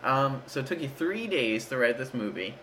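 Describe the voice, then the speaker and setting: A man's voice: medium pitch, lively intonation, moderate pace, sharp tone. A man hosting a comedy sketch, playing the eager straight man and laughing often. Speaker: host.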